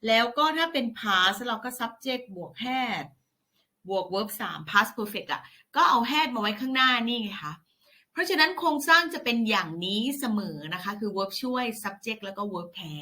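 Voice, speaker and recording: A woman's voice: a little high, animated, measured pace, bright, forceful tone. A woman whose first language is Thai, teaching English grammar patiently, often adding polite particles. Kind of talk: classroom grammar lesson.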